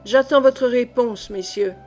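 A woman voicing a cold, phlegmatic male schemer in a storybook reading, calm and composed. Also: on the high side, unhurried, faint music behind, lightly acted.

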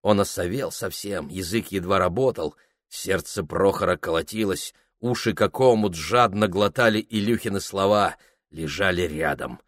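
A man narrating a literary story aloud in an unhurried, expressive way. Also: sits low, no room sound, clean studio sound. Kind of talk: literary audiobook reading.

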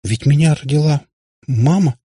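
A man's voice: a little high, quick pace, mellow, husky, dry recording, studio quality, pitched above the performer's own voice. Man voicing a timid, frightened little girl. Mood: stammering. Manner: timid, tearful, stammering.

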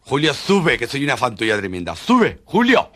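A man voicing a woman who shouts loudly and shrilly, calling a man to come upstairs, on an old cassette joke tape. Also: mid-range voice, huge pitch swings, normal speed, voice pushed up. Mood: coaxing.

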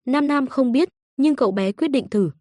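A woman reads an audio novel in a steady, even storytelling voice. Her pitch sits a little high. The recording is dry and close, with no room sound. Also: normal speed, no room sound. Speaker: narrator. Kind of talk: scripted audiobook narration.

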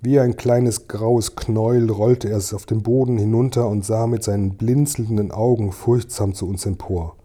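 A man narrating a children's story as an audiobook in a calm, measured way. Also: on the low side. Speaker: audiobook reader.

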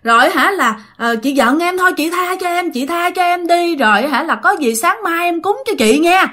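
Frightened young woman begging for mercy, high and pleading, as a woman storyteller puts her on, Southern Vietnamese accent. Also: lively intonation, moderate pace, bright, forceful tone, exaggerated voice. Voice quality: pleading, breathless.

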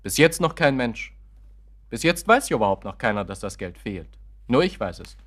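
Give me a curt, irritable young man in a radio drama, defensive, with a lively, varied pitch. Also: moderate pace. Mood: tense. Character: irritable grown son under strain. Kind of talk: radio play acting.

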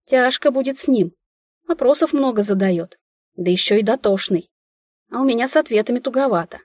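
A woman narrating a first-person audiobook in a wry, lively inner-monologue manner. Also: on the high side, a little fast, dry recording, studio quality.

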